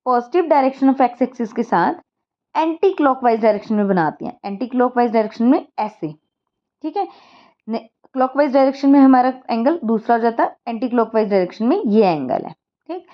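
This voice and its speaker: A woman's voice: on the high side, lively intonation, normal speed, highs cut off. A woman maths teacher, explaining a lesson step by step and often checking that students follow.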